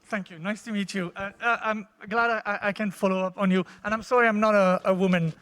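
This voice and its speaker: Man, very high light voice, womanly timbre, conversational conference talk, direct to audience, handheld mic. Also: steady tone, fast, a bit bright, in a large hall. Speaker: teacher, conference participant. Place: large indoor conference hall. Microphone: handheld microphone.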